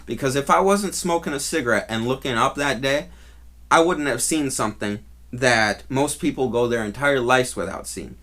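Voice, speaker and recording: A man's voice: medium pitch, a bit bright. Rambling man telling a story casually. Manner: rambling and halting, with trailing restarts. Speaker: vlogger. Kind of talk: casual first-person storytelling.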